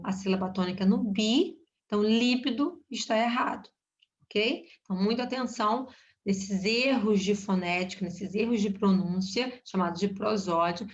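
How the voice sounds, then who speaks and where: A woman with a Brazilian Portuguese accent walks through a grammar lesson, explaining each point carefully. She keeps checking in with her listeners through little tag questions. Her voice sits at a medium pitch, heard through a somewhat muffled, lo-fi recording. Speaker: teacher. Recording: dull lo-fi recording.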